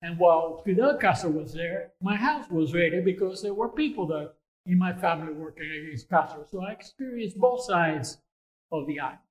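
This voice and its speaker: Older man from cuba, fairly high voice, earnest, halting, lots of uhs. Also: lively intonation, low-quality recording. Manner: earnest, measured, halting with fillers. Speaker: interview guest. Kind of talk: casual interview answers.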